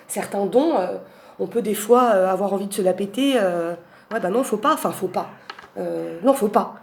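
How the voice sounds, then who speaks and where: A woman's voice: medium pitch, a little mellow, slight background noise. A woman in a casual chat, presenting tarot cards one by one, rambling with fillers and asides and lifting her voice on each card name. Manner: announces card names with lifted emphasis. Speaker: tarot reader presenting a deck.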